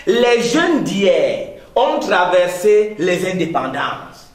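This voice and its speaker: Very animated yet slow-paced, this emphatic man in his thirties is from Cameroon and appears as an interview guest, a company director. He talks rhetorically, his pitch swinging widely. Echo and faint noise fill the room.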